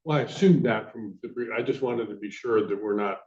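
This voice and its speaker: Male appellate judge, lowish voice, measured questions, muffled room with faint hiss. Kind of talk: questioning counsel in court. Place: courtroom.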